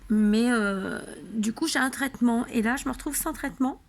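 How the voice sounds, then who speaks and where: A woman's voice: on the high side, moderate pace. A woman hosting a home papercraft tutorial, drowsy and tired, chatting in a rambling way with lots of fillers. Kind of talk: casual tutorial chat. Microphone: camera on a tripod.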